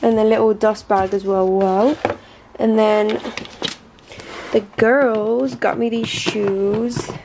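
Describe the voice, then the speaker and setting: A woman's voice: medium pitch, fairly even intonation, takes it slowly, noisy background. A young woman talking in a gushing casual vlog, groggy from just waking up. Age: young adult. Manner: gushing, says "literally" and "wow" a lot. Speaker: vlogger.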